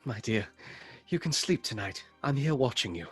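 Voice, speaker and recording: An actor playing an earnest, solemn doctor who narrates his journal in a measured, dramatic way. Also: medium pitch, very animated, breathy edge, faint music behind. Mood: tender, reassuring. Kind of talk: radio play narration and acting.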